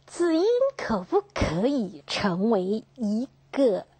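A woman teaching English phonetics in a classroom lecture, asking her students questions and slowly repeating each key term. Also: mid-range voice, very animated, darkish tone, slightly rough, no room sound. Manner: slow, drawn-out, repeats key terms, asks students questions.

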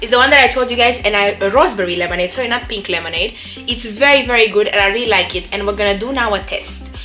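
A woman's voice: mid-range voice, fast, pushed and bright, soft background music. A young woman chatting casually and upbeat in a product review vlog, with rambling asides. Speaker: vlogger.

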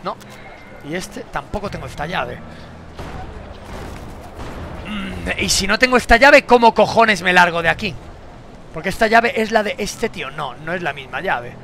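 A young man, streaming a game with casual commentary, swearing and bursting into shouts. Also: high voice, animated, normal speed, long pauses, slight background noise.

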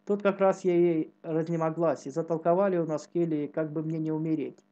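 Mellow-voiced narrator reading a religious tale. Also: mid-range voice, level tone, muffled recording. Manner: slow, measured reading with quoted dialogue. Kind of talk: reading a religious story aloud.

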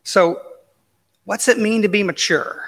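A man's voice: sits high, steady tone, measured pace, fairly bright tone. Folksy preacher man in a reverberant church. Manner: folksy, anecdotal storytelling with casual asides. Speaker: pastor. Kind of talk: conversational sermon. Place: church sanctuary. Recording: long reverb of a church sanctuary.

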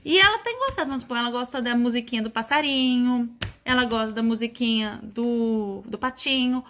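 Chatty Brazilian mom, high voice. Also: female voice, fairly quick, fairly bright tone, a little hiss or hum. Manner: chatty, playful baby talk with her toddler. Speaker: vlogger mother. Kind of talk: casual family vlog chat.

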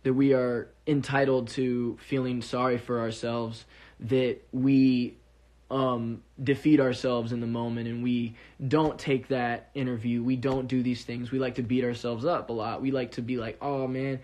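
Male musician, mid pitch, speaking earnestly and rambling straight to fans over a phone stream. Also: flat delivery, measured pace, darkish tone. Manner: earnest, rambling with many restarts. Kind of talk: casual livestream monologue.

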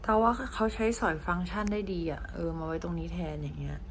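A woman's voice: fairly low pitch, fast talker, gravelly. A young woman chatting casually to her viewers while she films her travels, talking straight to camera with chirpy asides. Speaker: travel vlogger. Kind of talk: casual travel vlog chat. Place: hotel room and city streets and stations. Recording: noisy handheld travel recording.

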